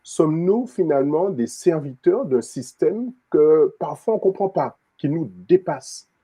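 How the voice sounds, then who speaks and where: Husky dark-voiced male talk host. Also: a little high, lively intonation, measured pace. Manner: rhetorical questions, laughs easily. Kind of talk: hosting a talk show.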